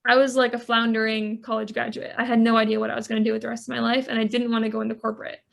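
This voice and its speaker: Gravelly-voiced woman life coach, flat delivery. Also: on the high side, very fast. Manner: earnest, storytelling with many "like" fillers. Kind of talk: podcast interview.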